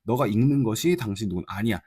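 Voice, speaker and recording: A man's voice: on the low side, lively intonation, fast, dark tone, breathy edge, no room sound, studio quality. A man teaching an exam-prep English lesson in casual Korean, reading English lines with a Korean accent and checking in with his students. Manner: talks to students, checks in with frequent tag questions; mixes Korean explanation with read-out English lines.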